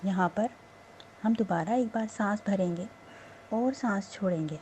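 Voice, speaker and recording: A woman leads a slow guided meditation in a soft-edged, mellow, medium-pitched voice. She delivers her instructions slowly and soothingly with pauses between phrases, over a faint layer of background noise.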